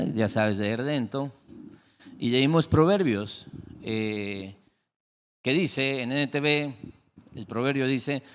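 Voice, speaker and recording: A middle-aged pastor preaches unhurriedly, telling a story and voicing its dialogue himself. His voice sits at an everyday pitch and often sinks to a hushed, reflective murmur. The sound rings with the long reverb of a church sanctuary. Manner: storytelling, acts out dialogue, drops to soft reflective tones. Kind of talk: sermon.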